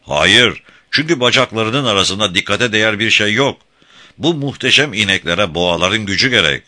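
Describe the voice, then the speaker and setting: A man's voice: fairly low pitch, expressive, moderate pace, pushed and bright, pitched above the performer's own voice. A man voicing a boastful, contemptuous tyrant king in an audiobook, bellowing and mocking his subjects. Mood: scornful. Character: roaring proud tyrant king, contemptuous, domineering. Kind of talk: audiobook character voice.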